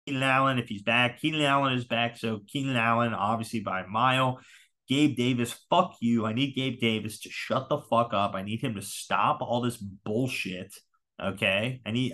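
A man's voice: lowish voice, a bit bright. A man hosting a solo podcast in casual chat, talking in a rambling, profane, frank way. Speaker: fantasy football podcast host.

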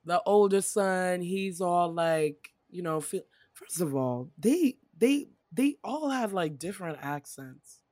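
A woman's voice: on the low side, animated, takes it slowly, hardly any pauses, darkish tone, no echo, clean studio sound. A young adult woman co-hosting a podcast, ranting casually about movies, swearing freely and acting out quotes. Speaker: podcast co-host.

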